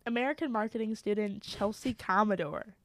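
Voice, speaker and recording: A woman's voice: medium pitch, dry recording. A young woman co-hosting a casual podcast chat, talking loosely with many fillers and laughs while her mic cuts in and out. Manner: chatty, lots of fillers and laughs. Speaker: podcast co-host. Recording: dry, mic cutting in and out.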